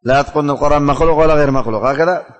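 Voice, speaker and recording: A man's voice: a little high, very fast, in a large hall, highs cut off. A man teaching a religious studies class, calling on students by name, asking questions and repeating the answers.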